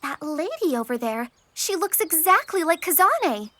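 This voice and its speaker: A woman voicing a perky, chirpy little girl in an animated series. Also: very high-pitched, moderate pace, dry recording, exaggerated voice.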